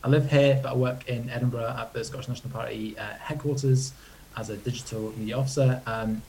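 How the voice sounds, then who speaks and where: A young man from Poland answers panel questions as a council candidate. His voice is flat and even, and he hesitates often and fills the gaps. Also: medium pitch, brisk, a little hiss or hum. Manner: hesitant, many fillers, flat delivery.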